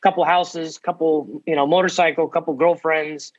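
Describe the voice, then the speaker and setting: A man in his forties from the United States tells his own story as a podcast guest. His voice sits a little high and he moves through it with eager energy and quick asides. The audio is slightly dull and lo-fi. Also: steady tone. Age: 40s. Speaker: guest, ministry founder. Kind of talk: podcast interview.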